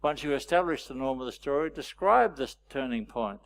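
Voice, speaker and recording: A man leading a storytelling workshop, teaching with wry anecdotes and frequent pauses. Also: mid-range voice, lively intonation, gravelly. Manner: anecdotal, wry, pausing often. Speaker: workshop presenter.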